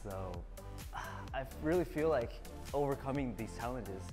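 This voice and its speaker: A man's voice: mid-range voice, expressive, measured pace, loud music behind the voice. A man in his twenties whose first language is Korean, answering interview questions earnestly in English with many fillers. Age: 20s. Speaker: band member guest. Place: bright studio with a group.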